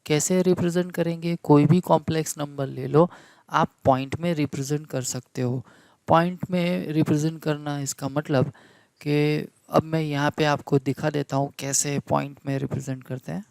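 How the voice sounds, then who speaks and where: A man gives a math lecture in Hindi mixed with English terms, slowly and deliberately repeating key words and quizzing the class to check they follow. His fairly high voice is steady, a little mellow, with vocal fry, in a dry recording.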